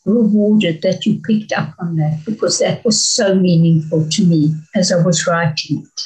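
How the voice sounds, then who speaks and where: Soft-spoken woman author. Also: on the low side, steady tone, normal speed, low-quality recording. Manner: soft, affirming replies. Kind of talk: book interview and reading aloud.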